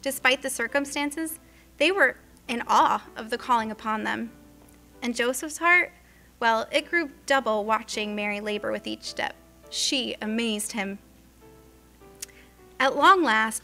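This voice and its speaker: A woman narrating a scripted story in an expressive, tender way. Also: fairly high pitch, measured pace. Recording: faint music underneath.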